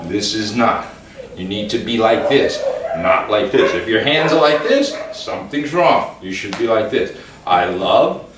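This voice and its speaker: A man working as a dog trainer, calmly explaining a hands-on demonstration and giving short commands to dogs. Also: mid-range voice. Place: room in a house. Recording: echoey room, mic far off, background noise.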